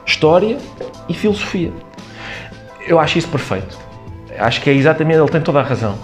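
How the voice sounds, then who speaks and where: This comedian, speaking with a European Portuguese accent, fills his interview answers with examples and quoted asides. His slightly high voice moves quickly and swings widely in pitch, with soft music playing underneath.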